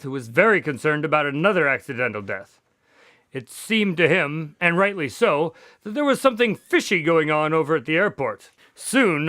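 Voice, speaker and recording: A man's voice: fairly high pitch, pushed and bright, no room sound. A man playing a courteous, easily flustered doctor and storyteller in a radio drama, with a polite, old-fashioned, theatrical manner. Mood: storytelling. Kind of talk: radio drama acting and narration.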